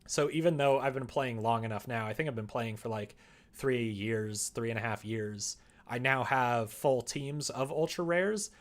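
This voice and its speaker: This man's mid-range voice moves at a moderate pace as he livestreams his visual novel development. He chats casually, rambles through explanations, and occasionally mutters to himself.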